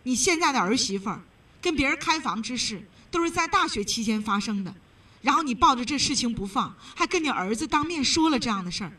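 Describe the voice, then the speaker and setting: A woman's voice: sits high, expressive, fast, pushed and bright, husky, far from the mic. A woman hosting a call-in advice radio show, blunt and emphatic, lecturing the caller.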